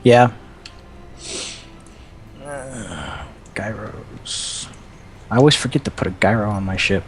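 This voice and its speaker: A young man with a somewhat low voice talks over a shared game session, loose and profane, his pitch leaping up whenever something excites him. He sounds like he is at home on a headset, with a faint hum underneath. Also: slow. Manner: loose, swears casually, animated jumps in pitch. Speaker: guest player. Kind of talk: casual gameplay chat.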